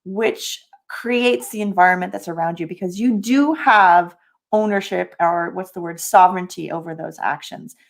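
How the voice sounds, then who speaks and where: A woman's voice: on the low side, normal speed, gravelly. Middle-aged woman, reflective podcast co-host. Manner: reflective, self-deprecating. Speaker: podcast co-host and business coach. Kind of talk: casual podcast conversation.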